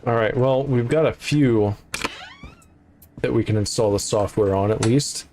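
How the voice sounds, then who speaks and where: A man's voice: medium pitch, a little slow, dark tone, slight background noise. A man giving casual gameplay commentary in a wry, understated way, talking along to the game. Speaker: game streamer.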